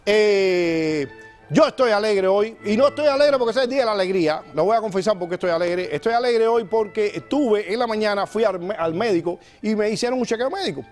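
A man hosting a comedy show, telling jokes in an animated storytelling style. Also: sits high, fairly quick, soft background music. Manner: joking, animated storytelling with acted-out voices. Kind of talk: stand-up style comic monologue.

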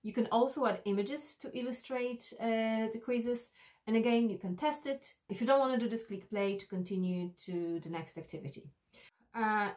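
A woman in her thirties, an e-learning instructor, narrates an instructional tutorial in a medium-pitched, slightly mellow voice. She explains things directly to the viewer.

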